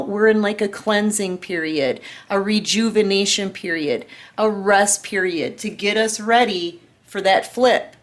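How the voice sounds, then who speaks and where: Earnest woman in her fifties giving a tarot reading. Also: medium pitch. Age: 50s. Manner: earnest, repeats "okay?" and "right?" often. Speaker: tarot reader. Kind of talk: casual spiritual reading to camera.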